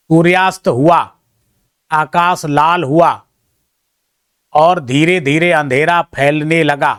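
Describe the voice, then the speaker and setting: A man's voice: fairly high pitch, a bit bright, smooth, no echo, clean studio sound. A male teacher working through an exam answer key, reading each question aloud and checking the options one by one, with chatty, self-deprecating asides to his students.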